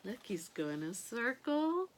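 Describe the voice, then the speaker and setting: Sweet old lady reading a kids story, kinda high voice, really up and down, takes her time. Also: very animated, slow pace. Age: older. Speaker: grandmother reading picture books to children. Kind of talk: animated read-aloud storytelling with asides to young listeners.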